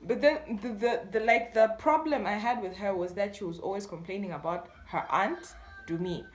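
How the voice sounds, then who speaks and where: A young adult YouTube storyteller with a Malawian accent tells a story in casual chat, acting out the dialogue with animation. Her voice is medium-pitched at a normal speed, and the room sounds echoey.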